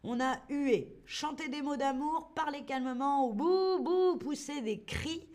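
Young woman, higher voice, unhurried and clearly articulated; playful online language teacher who acts out sounds. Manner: slow, clearly articulated, playful, reads chat names aloud; acts out shouts and boos for emphasis. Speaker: French teacher streaming to learners. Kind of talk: live-stream vocabulary lesson.

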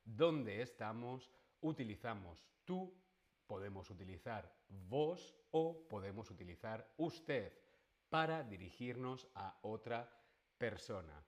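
Slow, patient teacher, a man. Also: on the low side, sing-song. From Spain. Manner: slow, patient, with rhetorical questions to the viewer. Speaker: Spanish teacher. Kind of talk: online language lesson.

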